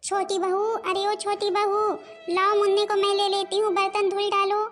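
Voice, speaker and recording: Bossy older mother-in-law, voiced by a woman, high-pitched, scolds and complains. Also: monotone, moderate pace, over loud music. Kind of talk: cartoon voice acting.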